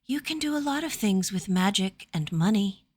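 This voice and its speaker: A woman reads a young noblewoman in a fantasy storybook, her voice soft, earnest and raised slightly in pitch, the character gentle, worried and principled. The lightly acted, expressive reading moves at a moderate pace with a bright, explanatory mood.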